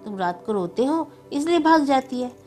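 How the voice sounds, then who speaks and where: A woman voicing a gentle coaxing uncle. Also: high-pitched, animated, normal speed, faint music behind, voice pushed up. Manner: soothing, coaxing. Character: gentle young man, the boy's kind uncle.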